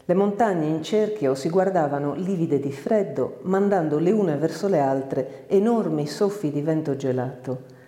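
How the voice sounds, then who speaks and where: A woman giving a measured, expressive literary reading of a short story, recorded with a roomy echo. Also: low voice. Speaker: audiobook narrator. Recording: roomy reverberant room.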